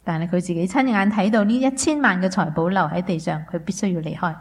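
A woman renders a preacher's sermon line by line as his interpreter. She keeps a steady, fluent pace, with a small filler sound now and then. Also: fairly low pitch, fast talker.

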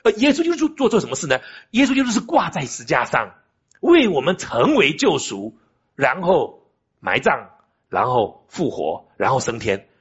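Older male pastor, very husky voice, lively swooping pitch, preaching emphatically with rhetorical questions; dull lo-fi recording. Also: moderate pace. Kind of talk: sermon.

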